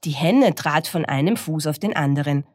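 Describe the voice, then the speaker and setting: A woman reading a children's picture book aloud in a slow, expressive storytelling manner. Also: low voice, no room sound, studio quality.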